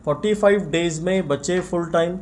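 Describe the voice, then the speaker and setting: Brief: young man, slightly high voice, earnest press talk, faint shop noise. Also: fairly quick, darkish tone. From India. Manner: earnest, frequent religious blessings. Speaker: shop owner. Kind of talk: press interview. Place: indoor shop in front of press mics. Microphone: bunch of press mics on table.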